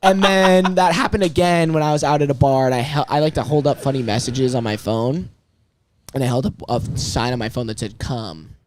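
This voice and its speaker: A young man casually telling a story to friends on a podcast, acting out quotes with laughter and shouts. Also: mid-range voice, brisk. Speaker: podcast host.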